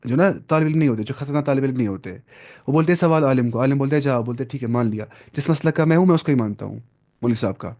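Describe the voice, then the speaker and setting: A man's voice: mid-range voice, mellow. A man, giving an informal classroom lecture on religious law, conversational and repeating key terms. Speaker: religious studies teacher.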